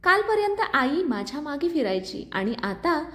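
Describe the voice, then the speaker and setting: A woman's voice: high-pitched, very animated, moderate pace, fairly bright tone. A woman reading the part of a jealous young sister-in-law who speaks in a defensive, bitter way. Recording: roomy echo.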